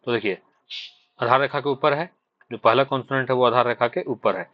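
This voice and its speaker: A man's voice: mid-range voice, fairly quick, no room sound. A man from Jharkhand teaching shorthand in an online exam-prep lesson, explaining patiently and repeating himself with many fillers. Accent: Hindi speaker from Jharkhand. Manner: patient, repetitive explaining with frequent fillers and "thik hai" checks. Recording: dry, slightly dull sound.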